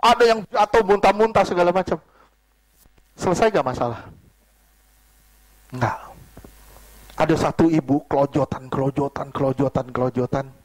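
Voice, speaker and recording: A middle-aged male pastor preaching a sermon, swinging from loud rhetorical questions to quiet storytelling. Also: on the high side, moderate pace, pauses often, poor audio.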